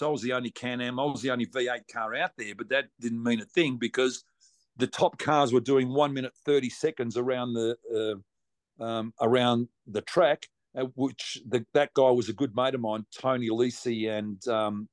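A man's voice: mid-range voice, no echo. An Australian man chatting casually as a racing driver being interviewed, blunt and joking, with plenty of slang. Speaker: racing driver, podcast guest.

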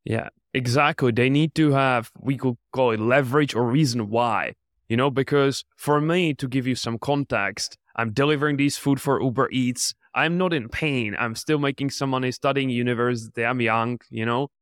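A man's voice: mid-range voice, moderate pace, fairly bright tone, no room sound, studio quality. A man in his twenties from the Czech Republic, an entrepreneur answering interview questions in an earnest, motivational way. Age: 20s. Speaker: podcast guest, entrepreneur.

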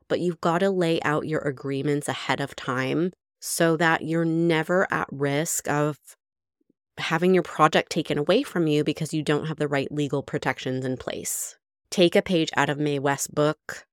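A woman with a low voice hosts her podcast in a casual solo monologue. She is chatty, frank and enthusiastic, and throws in the odd swear word. The sound is close and dry. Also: dry recording. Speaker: podcast host.

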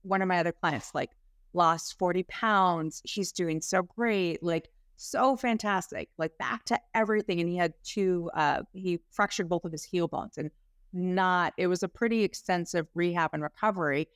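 A woman's voice: lowish voice, normal speed, clear, resonant tone, no echo, studio quality. A woman health practitioner, a guest on a podcast interview, telling stories about her clients with enthusiasm.

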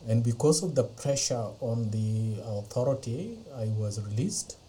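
Slowly and hesitantly, an Ethiopian man whose first language isn't English recounts his personal story as an interview guest, pausing often and leaning on fillers. His medium-pitched voice is warm and expressive, picked up by a podcast mic in a low-quality recording with slight background noise.

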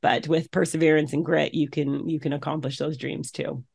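A woman's voice: deep voice, steady tone, moderate pace, gravelly, a little mellow, breathy edge. A woman from Canada, an entrepreneur and soccer coach, answering interview questions earnestly with many restarts.

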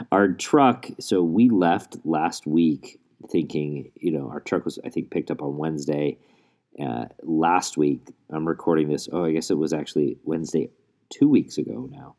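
A man's voice: very deep voice, darkish tone. A male podcast host talking in an earnest, rambling way, recorded under a blanket in a closet so his voice is muffled. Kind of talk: casual solo podcast monologue.

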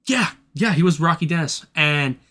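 A man's voice: fairly high pitch, animated, moderate pace, sharp tone. A man co-hosting a casual podcast, giving a loose, profane recap of a film's plot. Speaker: podcast co-host. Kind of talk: casual chat.

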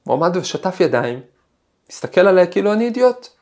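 A man's voice: sits high, big pitch swings, a little mellow. A man hosting a podcast, a professor giving a reflective talk with a personal anecdote and frequent hesitations. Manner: thoughtful, storytelling, frequent hesitations.

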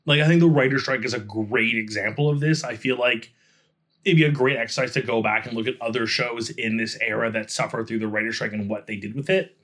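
A man co-hosting a podcast in casual chat, relaxed and making joking asides. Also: medium pitch, brisk. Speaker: podcast co-host.

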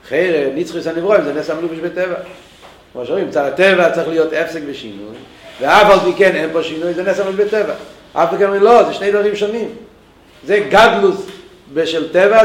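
High-voiced man teaching in an echoey room. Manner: thinks aloud with many restarts. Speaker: Torah teacher.

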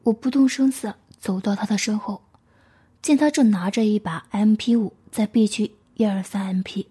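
A woman reading a story aloud in a hushed voice, often dropping to a whisper. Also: medium pitch, moderate pace, husky.

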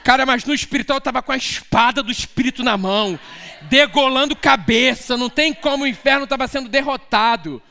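A man with a Brazilian accent preaching a lively, story-filled sermon, rising into shouts at its peaks. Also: very high-pitched, fairly quick. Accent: Brazilian Portuguese.

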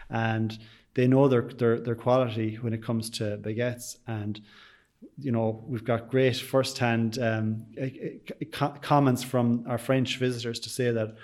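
A man from Sligo speaks in a west of Ireland accent, answering as a bakery owner in an interview. His delivery is conversational and rambling, peppered with small verbal asides, at an ordinary middle pitch. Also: darkish tone. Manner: chatty, rambling, with frequent "you know".

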